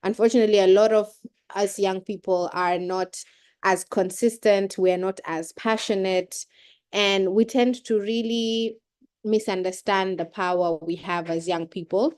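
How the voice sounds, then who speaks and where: A young woman with a cold gives a chatty, informal keynote over a video call, full of fillers and restarts. Her voice is medium in pitch and steady, a touch slow and a bit mellow, with a clean tone.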